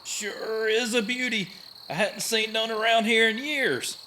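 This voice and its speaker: A man's voice: high-pitched, fairly even intonation, measured pace, bright, forceful tone, slight background noise, pitched above the performer's own voice. A man voicing a partly drunk, boastful rural hunter with a Southern Appalachian accent. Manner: boastful, coarse rural drawl.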